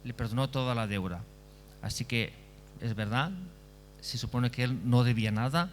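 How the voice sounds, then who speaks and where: A man's voice: medium pitch, moderate pace, a little hiss or hum. A male pastor preaching a sermon in a conversational way, often checking in with listeners and repeating phrases.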